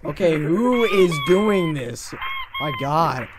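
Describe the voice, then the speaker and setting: A man's voice: sits high, huge pitch swings, takes it slowly. Rambling young man in noisy game chat. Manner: rambling, filler-heavy, laughing a lot. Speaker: gamer. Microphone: heavy desk mic.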